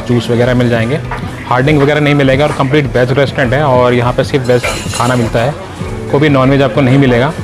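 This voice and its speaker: A man in his thirties with a mid-range voice films a casual walking-tour vlog on a handheld phone held in selfie framing, and the audio is poor. As a travel vlogger, he chats with his viewers and explains prices while moving between an outdoor parking lot and the inside of an airplane restaurant.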